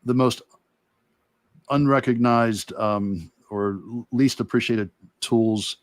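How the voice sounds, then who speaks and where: Speaking slowly in a mid-range voice, with no echo around him, a man walks through his illustration work. His casual instruction comes out as loose, broken asides as he thinks aloud.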